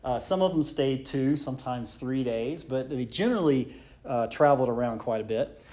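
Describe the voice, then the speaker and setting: A man with a mid-range pitch and a slightly mellow voice teaches church history at a moderate pace, in an unscripted, conversational style. He often pauses on fillers and starts over, and he puts rhetorical questions to the class.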